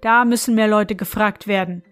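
A woman voicing a fearless young male student who talks calmly and quickly. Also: mid-range voice, lightly acted. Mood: cool. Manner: calm, quick and cheeky.

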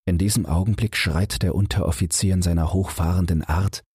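A man reading a literary story aloud as a calm bedtime audiobook, with measured, gentle storytelling close to the mic. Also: low-pitched, husky, dry recording. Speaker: audiobook narrator.

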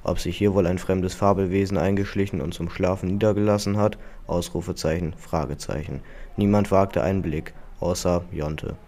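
A man's voice: low-pitched, moderate pace. A man reading a comic fairy tale aloud, dryly speaking every punctuation mark as a word. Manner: reads punctuation marks aloud, flat and dry. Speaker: story reader.

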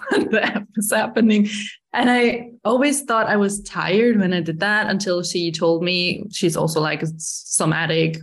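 A woman hosting a podcast in a casual interview, chatty and laughing at her own stories. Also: mid-range voice. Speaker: podcast host.

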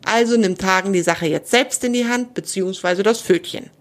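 A woman narrating a children's story with a lively, expressive reading. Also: mid-range voice, moderate pace.

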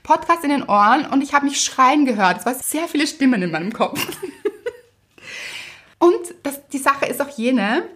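A woman, co-hosting a podcast and telling a story in a casual, lively way, laughing often. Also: sits high, normal speed. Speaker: podcast co-host. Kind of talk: casual chat.

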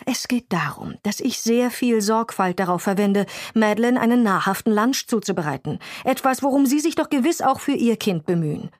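A woman reading a storybook voices a sharp, self-assured woman chemist with a clipped, accusing manner. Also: on the high side, animated, normal speed, few pauses, dry recording, studio quality, pitched above the performer's own voice, close to an everyday voice. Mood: brisk.

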